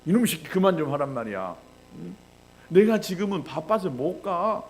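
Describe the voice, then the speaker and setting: A male pastor voicing a busy, irritated father who scolds his son, in a gravelly voice. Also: on the low side, sing-song, moderate pace, darkish tone, pitched below the performer's own voice. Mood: angry. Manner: scolding, gruff.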